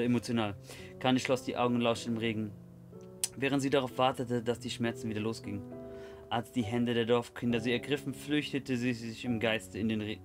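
A man reading game text aloud with casual, salty comments, stumbling now and then over typos. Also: medium pitch. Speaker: let's play host.

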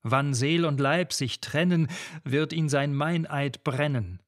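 A man's voice: a little high, slow. A man doing a pious pleading old mother. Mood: urging. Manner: imploring, praying. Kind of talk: reading a classic ballad.

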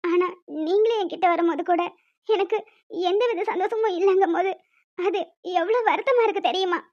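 A woman voicing a gentle young wife in a cartoon, pleading and sorrowful as she pours out her hurt. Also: very high-pitched, fairly quick, lo-fi sound. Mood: tearful.

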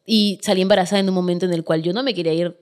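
A woman's voice: on the low side, steady tone, very fast, a little mellow. A Peruvian woman, a guest on a podcast, telling her own story in a casual interview, candid and emphatic.

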